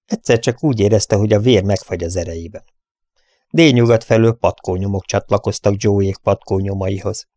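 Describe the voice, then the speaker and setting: A man narrating an adventure novel as an audiobook, in a steady storytelling manner with dramatic lifts. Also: fairly low pitch, dry recording, clean studio sound.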